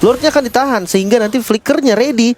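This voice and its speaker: A man's voice: very high-pitched, fast, darkish tone, a little hiss or hum. A man with an Indonesian accent giving emphatic live esports analysis as a co-caster, repeating phrases to drive points home. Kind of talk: live game analysis commentary.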